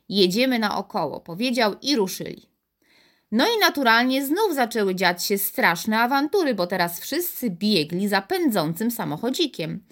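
A woman reading a children's story aloud as the narrator. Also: mid-range voice. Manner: expressive, animated.

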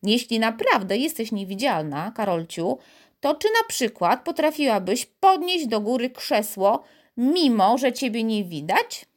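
A woman's voice: fairly high pitch, big pitch swings, a little slow. A woman doing a doubting young boy. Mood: agitated. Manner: skeptical, mocking, easily riled.

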